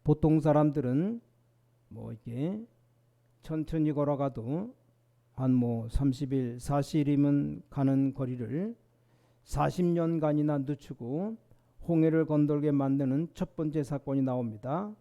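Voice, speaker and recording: High-voiced, mellow Korean-speaking pastor preaching. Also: male voice, measured pace, lo-fi sound. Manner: rhetorical questions, acts out quoted complaints. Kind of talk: sermon. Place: church.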